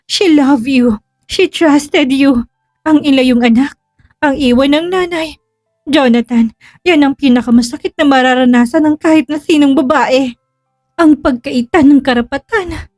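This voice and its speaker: Woman doing a middle-aged mother, raised pitch, distant, tearful, stern, faint music behind. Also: unhurried, darkish tone, no room sound, clean studio sound. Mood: grieving, pleading. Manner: tearful and accusing, turning cold and firm. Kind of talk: dramatic storytelling.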